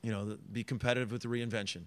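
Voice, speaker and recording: A middle-aged college basketball head coach answers reporters at a press conference in earnest, rambling sentences full of fillers and restarts. His medium-pitched voice barely moves in pitch, and he speaks very fast.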